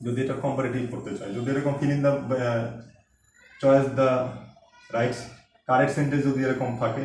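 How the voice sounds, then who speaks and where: A man teaching an English grammar lesson, explaining step by step and slowing down to spell out example sentences. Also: mid-range voice, darkish tone, slight background noise. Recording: echoey room, mic at a distance.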